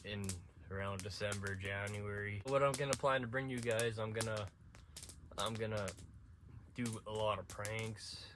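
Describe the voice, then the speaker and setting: An outdoor vlogger from central Saskatchewan, Canada, tells stories to his camera at night outside an abandoned school. His voice is on the low side with fairly even intonation and normal speed, and there's background noise. He rambles casually, restarting sentences and chuckling.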